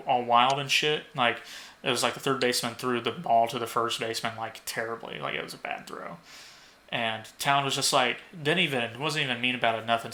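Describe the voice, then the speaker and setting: A young man co-hosting a podcast, telling rambling stories full of swearing and loudly acted-out quotes. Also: medium pitch. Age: young adult. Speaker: podcast co-host. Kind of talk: casual podcast chat.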